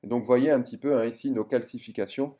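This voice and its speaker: A man explains ultrasound to other doctors in a loose, chatty lesson, full of hesitations and eager asides. His voice is mellow and dark, and his pitch sits in an ordinary middle range. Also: fairly even intonation, fast. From France. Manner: chatty, enthusiastic, many fillers. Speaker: general practitioner teaching ultrasound. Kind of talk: casual video lesson.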